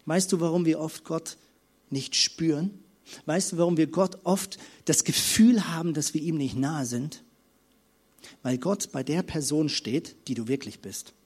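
A man preaching a sermon, emphatic, moving between loud passion and quiet, intimate moments. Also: fairly high pitch, slightly rough.

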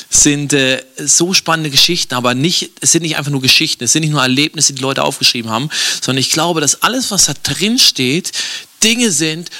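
A man's voice: fairly high pitch, pushed and bright, dry recording. A man preaching a devotional message in a casual, enthusiastic way, with fillers. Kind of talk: devotional sermon.

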